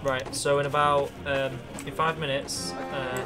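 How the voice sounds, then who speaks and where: A man of ordinary pitch narrates a role-play game and takes command of the squad, barking orders at the players. Clear background music plays under his voice chat. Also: little pitch movement, a little slow.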